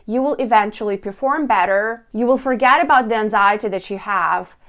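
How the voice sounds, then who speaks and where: Woman coach with a slightly high voice. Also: a bit bright. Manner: deliberate, encouraging, addresses the listener directly. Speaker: public speaking coach. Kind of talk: instructional talk to camera.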